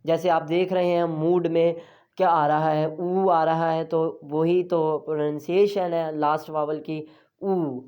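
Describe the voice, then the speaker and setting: A man teaching an online language lesson, patiently repeating each sound slowly several times, with frequent hesitation sounds between phrases. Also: on the high side, level tone, clean tone, lo-fi sound.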